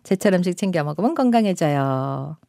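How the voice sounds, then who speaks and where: A woman's voice: fairly low pitch, animated, fairly quick, creaky, warm tone, dry recording, clean studio sound. A woman radio host leading an interactive language lesson, asking questions and prompting repetition.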